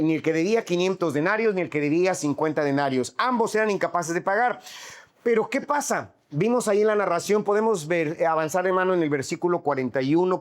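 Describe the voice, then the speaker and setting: A man preaching a sermon, asking frequent rhetorical questions and repeating phrases for emphasis. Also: a little high.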